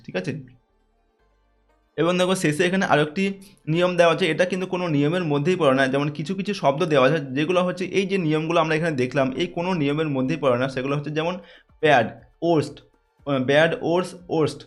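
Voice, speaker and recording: A man's voice: on the high side, fast talker, faint music behind. A man teaching a school English grammar lesson, patiently explaining rules and checking that students follow. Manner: patient, repeats and checks with "all right?".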